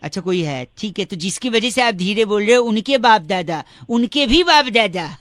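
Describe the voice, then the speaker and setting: A cheeky prankster with a bright, sharp tone, as a man puts on a high comic voice for a radio prank call. He spins silly puns in a mock-polite way. The studio sound is dry and close. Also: animated, normal speed, no room sound. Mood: mischievous.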